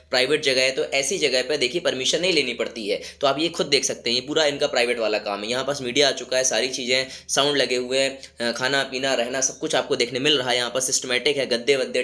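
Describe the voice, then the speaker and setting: A YouTube channel host with a sore throat and a cold speaks in a medium-pitched, bright, forceful voice. He rallies and exhorts his viewers with rhetorical questions in a motivational commentary.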